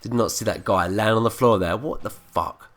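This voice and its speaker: A man's voice: fairly low pitch, moderate pace, a bit bright. A man with a blocked nose from a cold, ranting and swearing through gameplay commentary. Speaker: gaming commentator. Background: faint background music.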